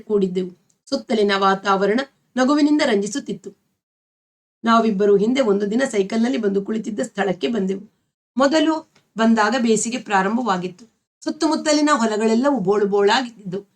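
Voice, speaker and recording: Woman reading a Kannada novel aloud. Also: on the high side. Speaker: storyteller.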